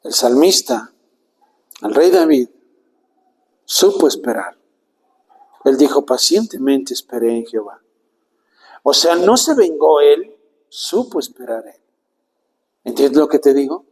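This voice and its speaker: A man preaching a sermon, earnest and slow, often turning to the listener with direct questions. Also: a little high, big pitch swings, darkish tone, husky, big-room sound, low-quality recording.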